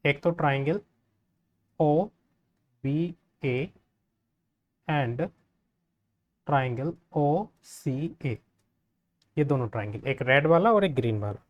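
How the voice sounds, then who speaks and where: A man teaching a geometry proof step by step, friendly, often asking the class quick checking questions. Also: a little high, expressive, lo-fi sound. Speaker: maths teacher.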